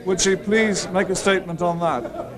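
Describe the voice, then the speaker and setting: A man's voice: sits high, normal speed, a crowd in the background. A man putting a formal question as a member of parliament.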